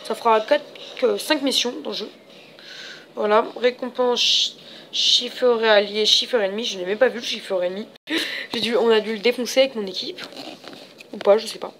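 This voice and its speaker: A woman with a somewhat high voice hosts a casual let's play and comments on her game as she goes. Her talk is hesitant and rambling, full of fillers and restarted sentences. A faint hum of background noise runs under her voice. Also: moderate pace, long pauses, a bit bright.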